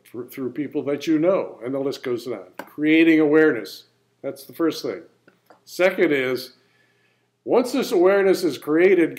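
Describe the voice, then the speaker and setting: A man's voice: fairly high pitch, a little mellow. A man giving an informal marketing lesson in a folksy, plain-spoken way, now and then poking fun at himself. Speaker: business presenter.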